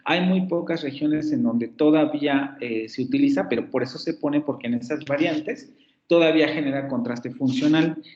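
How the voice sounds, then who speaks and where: A man with a Mexican Spanish accent gives a phonetics lecture in a fairly high voice. He works through the material step by step and says example words slowly and more than once. The sound is roomy and a bit dull, like a lo-fi class recording. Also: darkish tone. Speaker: phonetics professor. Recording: echoey, muffled lo-fi class recording.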